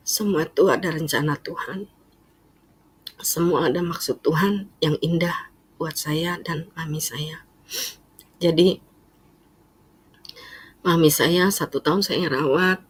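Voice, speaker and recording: Middle-aged woman with a husky voice, telling a church testimony casually. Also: lowish voice. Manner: lively storytelling with casual fillers. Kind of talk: personal testimony.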